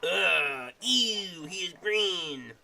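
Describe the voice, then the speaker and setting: Bright goofy gaming streamer, man. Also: high voice, expressive, very slow, creaky. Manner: goofy, rambling, bursts of shouting. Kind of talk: casual gaming commentary.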